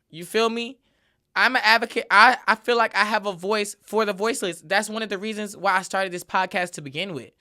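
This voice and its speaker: Hosting her own podcast alone, a woman talks casually and emphatically, returning again and again to the same filler tags. Her voice is fairly high, bright and forceful.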